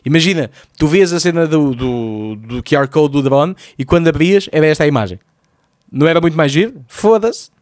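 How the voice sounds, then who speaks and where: A man rattles through a comedic TV recap in a high, quick voice. He is sarcastic and swears freely. The recording is dry and close. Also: dry recording. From Lisbon, Portugal. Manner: sarcastic, profane, exasperated.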